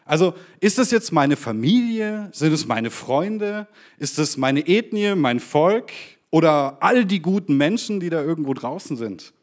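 A man preaching a sermon, addressing his congregation with rhetorical questions and reading the scripture passage in a slower, lower voice. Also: expressive.

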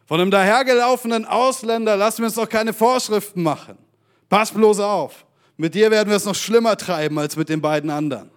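A man voicing an angry mob of men shouting threats during a read-aloud sermon. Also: sits high, fairly quick, voice pushed up, natural voice. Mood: threatening.

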